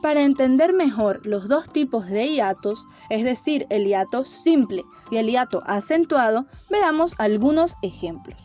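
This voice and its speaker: A woman teacher giving a grammar lesson to children, explaining slowly and clearly with playful images. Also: a little high, animated, darkish tone, faint music behind.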